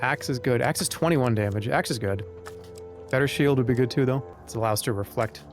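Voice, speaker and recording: A man's voice: mid-range voice, a little fast. A man giving casual gameplay commentary as a streamer. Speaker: game streamer. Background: game music.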